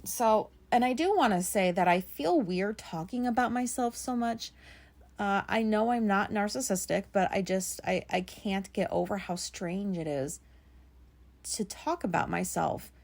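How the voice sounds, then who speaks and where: A raspy-voiced woman in her thirties hosts a solo podcast, chatting casually and rambling with plenty of fillers and some swearing. Her voice is medium-pitched and darkish, and she talks a little slowly.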